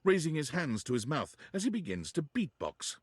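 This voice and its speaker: A man's voice: on the high side, big pitch swings, normal speed, noisy background. A man reading scripted narration for a video game in a dry, wry tone. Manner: dry, wry storybook descriptions.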